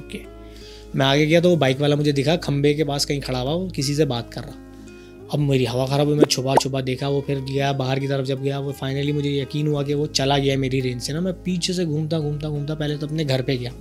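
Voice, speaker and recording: A man from Karachi, hosting a podcast and telling a childhood story in a lively, animated way. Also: mid-range voice, fairly quick, over music. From Karachi, Pakistan. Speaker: podcast host. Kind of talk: casual storytelling chat.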